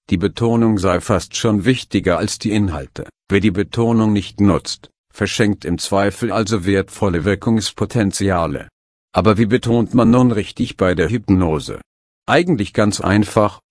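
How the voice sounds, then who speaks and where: A man narrating a scripted instructional guide in a calm, measured way. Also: on the low side, no room sound, studio quality. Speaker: hypnosis instructor.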